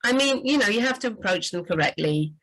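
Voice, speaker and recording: A woman's voice: medium pitch, lively intonation, a little fast, a bit bright, low-quality recording. A woman, a book editor, talking casually about writing, full of "you know" and restarts. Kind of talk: casual livestream chat.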